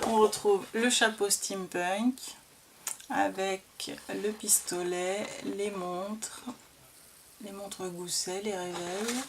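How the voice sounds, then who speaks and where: A woman walks through her scrapbooking papers at an unhurried pace, enthusiastic and full of fillers. The recording is noisy, with clicks in the background. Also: medium pitch, gravelly. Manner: slow, chatty, enthusiastic with many fillers. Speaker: crafting vlogger. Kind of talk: casual show-and-tell of scrapbooking papers.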